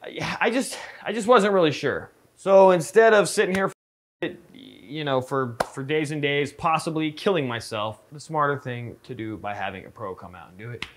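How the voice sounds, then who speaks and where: Congested, nasal man, fairly high voice. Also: normal speed. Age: 30s. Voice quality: congested, stuffed-up nasal sound, as if pinching his nose. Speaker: screen printing shop owner and vlogger. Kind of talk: casual vlog talk to camera. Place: indoors in a screen printing workshop.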